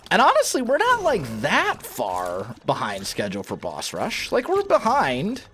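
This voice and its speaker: A man's high, fairly bright voice makes huge pitch swings at an unhurried pace, with faint music behind. A let's play host with a groggy morning voice, he gives casual gameplay commentary, thinking aloud and often self-correcting mid-sentence.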